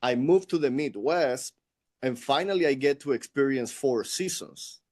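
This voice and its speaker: A man of middle age speaks with a Venezuelan Spanish accent at a medium pitch. He tells his story to an interviewer in an earnest, unhurried, reflective way. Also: expressive, a little mellow. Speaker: guest.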